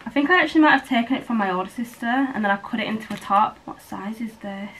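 The audio is poor as a young British woman vlogs from home in a fast, slightly bright voice on the high side. She rambles casually to camera, filling gaps with "like" and "blah, blah, blah."

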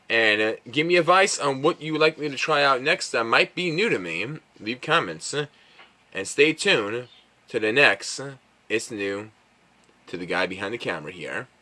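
Bright-voiced man casually rambling while tasting candy. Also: on the high side. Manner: rambling, filler-heavy, talks while chewing. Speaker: vlogger reviewing snacks. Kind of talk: casual chat. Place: at home with his dog.

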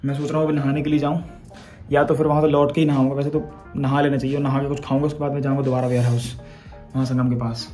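A man's voice: mid-range voice, flat delivery, rapid-fire, warm tone, faint music behind. A young man chatting casually into a phone held at arm's length, rambling straight to his viewers in a daily vlog. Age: young adult. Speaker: vlogger. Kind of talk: casual vlog chat to camera. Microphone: phone camera held at arm's length.

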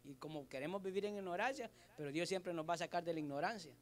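A man, a pastor preaching a sermon to his congregation, asking them questions and swinging between loud and soft delivery. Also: a little high, fast talker. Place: church service.

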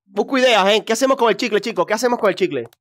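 A woman's voice: medium pitch, very fast, dry recording, studio quality. A woman hosting a let's play, commenting with playful mischief, often turning to her viewers. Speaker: gaming channel host.

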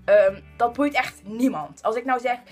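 Teen girl vlogger, high husky voice, animated mocking rant, faint music behind. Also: normal speed. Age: teens. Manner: animated, mocking, acts out quoted people. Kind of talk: casual ranting vlog.

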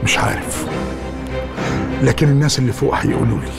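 Brief: an actor as an underling giving a flat report over loud music. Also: male voice, medium pitch, fast, vocal fry, close to an everyday voice. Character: male subordinate reporting to his boss.

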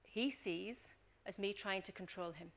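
Gravelly-voiced woman leading a workshop. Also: mid-range voice, measured pace. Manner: lively storyteller, acts out scenes, checks in with "Okay?". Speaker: leadership coach and workshop trainer. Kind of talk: workshop talk with acted-out anecdotes.

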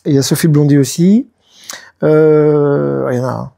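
A man's voice: fairly high pitch, normal speed, gravelly. A man in his fifties, a musician, chatting in an interview and acting out what people told him. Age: 50s. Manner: lively storytelling, often acts out what people said. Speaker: musician and producer, guest. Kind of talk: casual interview talk.

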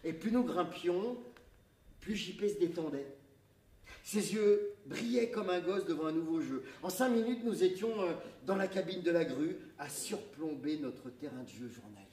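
A man reads a story aloud to a theatre audience, pacing it in a measured, dramatic way. His voice sits fairly high, and the hall makes it ring, picked up from a distance with faint room noise around it. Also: expressive, a little mellow. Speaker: reader. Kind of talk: public reading of a story. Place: theatre stage. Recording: echoey theatre from far off.

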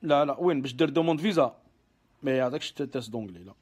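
Fast-talking Algerian man on a live stream. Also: mid-range voice, expressive, a little mellow, husky. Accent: Algerian Arabic. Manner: reads viewer questions and answers offhand, grows heated when venting; mixes French words into speech. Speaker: live stream host answering visa questions. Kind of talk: casual live Q&A.

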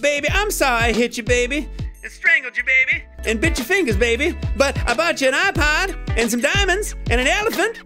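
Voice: high-pitched, animated, fairly quick, music in the background. An actor voicing a cocky, hot-tempered male pop star sock puppet in a goofy cartoon delivery for a parody sketch. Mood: whiny, wheedling.

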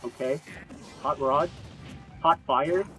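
A young man doing jokey live play-by-play commentary on a fighting game match, bursting into yells at big plays. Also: on the high side, takes it slowly. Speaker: esports commentator. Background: game music and sound effects.

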